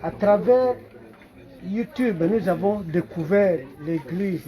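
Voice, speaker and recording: A man's voice: sits high, takes it slowly, crowd noise. A man from Belgium giving an earnest church testimony. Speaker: visiting congregant. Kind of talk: spoken testimony. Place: church gathering.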